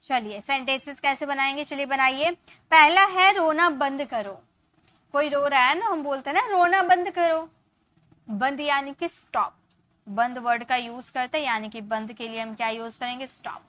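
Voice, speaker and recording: A young woman with a high, bright voice and an Indian English accent leads a spoken English lesson. She explains each point step by step, repeats every example sentence and asks her students to answer. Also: moderate pace. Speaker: English teacher.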